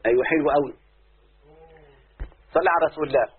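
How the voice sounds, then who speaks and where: A man's voice: fairly high pitch, quick pace, breathy edge. A man with an Egyptian Arabic accent teaching a classroom lesson on word forms, constantly quizzing his students with repeated questions. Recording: tinny phone-like lo-fi recording.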